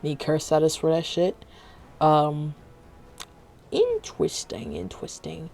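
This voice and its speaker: A man's voice: a little high, monotone, measured pace, darkish tone. A man streaming casual reaction commentary, rambling and profane, talking with dental retainers in late at night. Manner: rambling, profane, self-interrupting.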